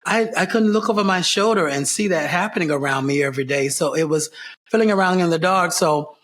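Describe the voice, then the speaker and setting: High-voiced man telling stories, reflective. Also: fairly quick, a bit bright. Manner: reflective storyteller, builds up lists of repeated phrases. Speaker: theater company founder, interview guest. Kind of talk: casual interview.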